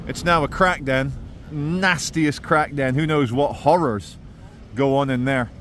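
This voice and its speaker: A man's mid-pitched voice in an outdoor walking vlog, with some street noise behind it. He rambles along in an opinionated running commentary. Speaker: vlogger. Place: outdoors in a city, walking by a river. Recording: outdoor city and traffic noise.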